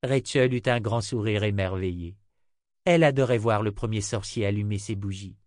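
A man reading a fantasy novel aloud in a calm, even storytelling manner. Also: fairly low pitch, normal speed, no room sound, clean studio sound. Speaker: audiobook narrator. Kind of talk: scripted fantasy narration.

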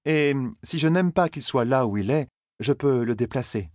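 A man's voice: medium pitch, animated, normal speed, a little mellow, dry recording, studio quality, close to an everyday voice. A man voicing a stern, powerful older woman who leads an order of sorceresses, with a cool, condescending and mocking manner.

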